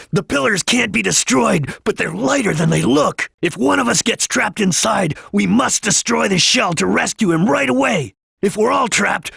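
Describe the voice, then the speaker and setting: An actor playing a serious, disciplined chameleon ninja detective in a video game, husky and terse, speaking in measured lines. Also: male voice, high-pitched, fairly bright tone, no echo, studio quality, full character voice. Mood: urgent, intent.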